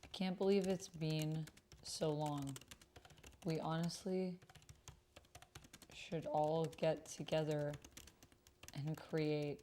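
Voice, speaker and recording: A solo roleplay player and video host reads chat messages aloud while typing, murmuring to herself in fragments. Her low, mellow voice is fairly even and slow, with frequent pauses. The noisy recording is full of keyboard typing and clicks.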